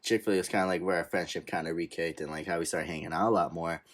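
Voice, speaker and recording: A man's voice: deep voice, fairly even intonation, fast talker. A young man in his twenties co-hosting a podcast, chatting casually in a laid-back, slangy way and laughing often. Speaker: podcast co-host. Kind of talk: casual chat.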